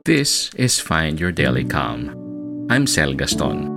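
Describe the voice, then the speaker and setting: A man hosting a guided meditation, speaking in a soft, soothing, hushed manner with long calming pauses, like a spa relaxation track. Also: a bass voice, creaky. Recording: voice over New-age music. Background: New-age music.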